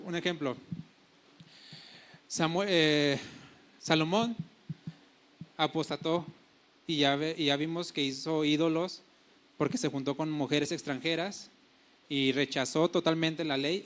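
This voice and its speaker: A middle-aged male pastor delivers a sermon in a notably high voice. He retells scripture as lively paraphrased dialogue, often stopping to correct himself mid-phrase.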